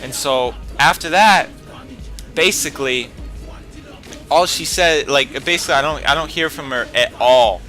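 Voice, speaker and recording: A young man telling a casual storytime with lots of swearing and filler words, animated throughout. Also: medium pitch, unhurried, soft background music. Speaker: vlogger.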